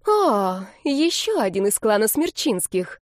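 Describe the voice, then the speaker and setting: A woman's voice: mid-range voice, big pitch swings, unhurried, no room sound, clean studio sound. A woman voicing a drunk, grief-crazed grandmother in her sixties who shrieks curses with spite. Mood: screaming hatred.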